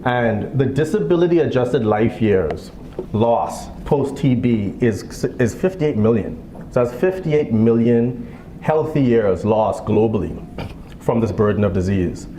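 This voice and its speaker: A man's voice: mid-range voice, slow. Bahamian-born man speaking in an echoey hall. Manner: relaxed, joking asides. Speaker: guest speaker, physician. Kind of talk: fundraiser speech. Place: event hall. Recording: echoey hall with background noise.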